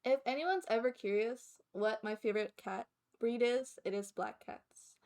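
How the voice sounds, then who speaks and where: Cutesy, high-voiced woman streamer. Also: normal speed, darkish tone. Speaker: streamer reacting to videos. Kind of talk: casual reaction commentary. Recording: music behind the voice. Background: background music.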